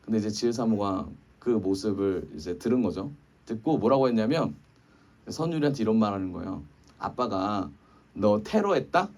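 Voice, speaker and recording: A man's voice: fairly low pitch, a little fast, darkish tone, far from the mic. A male pastor in his thirties giving a conversational sermon full of rhetorical questions. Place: church sanctuary.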